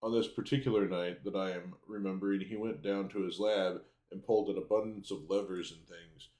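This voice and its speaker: A man's voice: low voice, steady tone, brisk, a little mellow, roomy sound, voice pushed up, close to an everyday voice. A man voicing a talkative, cheerful severed head from a game, speaking in polite archaic English. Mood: wistful, marvelling. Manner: archaic, polite, unbothered speech. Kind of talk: game dialogue read aloud.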